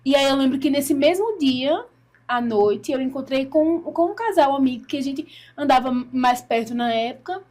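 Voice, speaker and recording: A woman's voice: high voice, expressive, normal speed, a little mellow. A Brazilian woman telling her personal faith story in an earnest way, acting out what she said back then. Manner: earnest storytelling, acts out her own past words. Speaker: guest giving a testimony.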